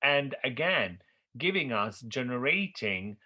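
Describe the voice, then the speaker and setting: A man's voice: medium pitch, sing-song, takes it slowly, bright, forceful tone, lo-fi sound. A middle-aged man whose first language is Italian, giving a university lecture on architecture history, thinking aloud with fillers and checking in with "okay?".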